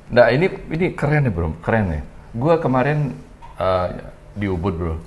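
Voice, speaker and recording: A man's voice: mid-range voice, sing-song, moderate pace. A man hosting a casual chat, reacting with enthusiastic, slangy interjections. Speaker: host.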